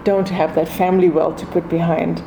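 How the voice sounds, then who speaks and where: South african woman w durban indian accent, soft mellow tone, chatty interview guest, bit of background noise. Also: fairly low pitch, level tone, brisk, vocal fry, low-quality recording. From South Africa, east coast. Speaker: podcast guest, food and wine expert. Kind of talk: conversational interview.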